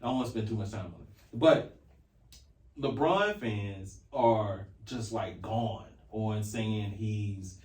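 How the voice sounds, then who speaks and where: A North Carolina man in his forties with an American accent co-hosts a sports podcast, talking casually, emphatically, and with strong opinions. His voice is lowish, slow, and somewhat dark. The mic is distant and the room echoes.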